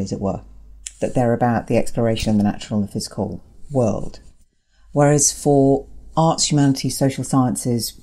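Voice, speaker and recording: Her voice is a low rumble with a dark tone. She's an academic guest answering interview questions, explaining clearly and emphatically and using repetition to build her points.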